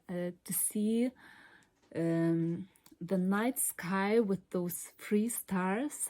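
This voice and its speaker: A woman from Lithuania with a Lithuanian accent, talking unscripted to viewers as a vlog host, hesitant and often pausing to search for words. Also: lowish voice, mellow. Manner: hesitant, halting, with long searching pauses. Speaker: video host. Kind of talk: unscripted explanatory vlog talk.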